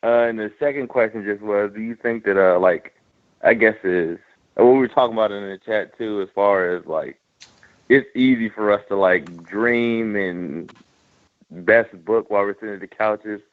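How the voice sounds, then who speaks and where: A man's voice: on the low side, normal speed, no room sound, narrow, tinny audio. A man from North Carolina calling in to a talk show, asking questions hesitantly with many fillers. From North Carolina, USA. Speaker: caller.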